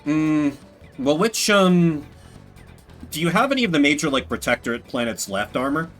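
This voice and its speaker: This game streamer's voice sits on the high side and keeps a normal speed, with faint music in the background. Chatting casually with viewers, he rambles and tells stories, animatedly acting out the quotes.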